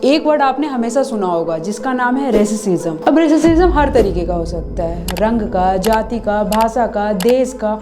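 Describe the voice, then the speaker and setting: A woman's voice: fairly high pitch, expressive, moderate pace, few pauses. A woman hosting a commentary video, speaking in an earnest, persuasive way and posing rhetorical questions. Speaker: video essay host.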